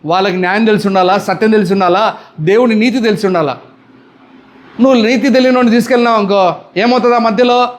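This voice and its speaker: A man's voice: high voice, quick pace, long pauses. A male pastor with a Telugu accent preaching a sermon, often firing questions at the congregation and demanding answers.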